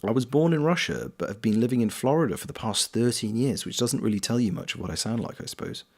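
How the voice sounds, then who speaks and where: Streaming a game, a British man who also does voice acting talks fast in a medium-pitched, husky voice with vocal fry and plenty of expression. He casually reads out viewer comments, welcoming people by name.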